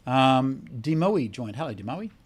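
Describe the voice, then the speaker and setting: A man's voice: medium pitch, sing-song, unhurried, slightly rough. A tired Australian man hosting a casual credit repair livestream, reading out chat comments and answering bluntly with a lot of swearing. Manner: blunt and profane, swears freely.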